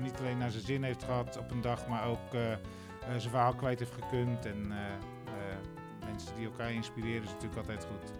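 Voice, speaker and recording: A man co-hosting a radio show, reminiscing casually and often searching for his words. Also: mid-range voice. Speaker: radio show co-host looking back.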